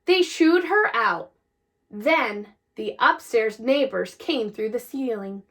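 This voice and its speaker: This is a high-pitched woman reading a picture book aloud to children, scripted and highly animated in intonation. She phrases things carefully and expressively, stressing particular words.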